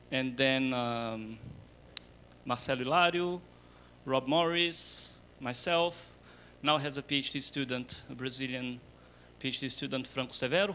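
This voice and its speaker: A man acting as session chair, giving a brief, warm introduction of the speaker. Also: medium pitch, a little hiss or hum. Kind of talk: formal introduction.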